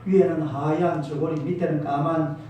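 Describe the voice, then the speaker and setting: A man's voice: fairly high pitch, steady tone, moderate pace, warm tone, a little hiss or hum. Emphatic preacher man in an echoey sanctuary. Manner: emphatic, prompting congregation responses. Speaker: pastor. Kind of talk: sermon. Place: church sanctuary. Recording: echoey church hall from far off.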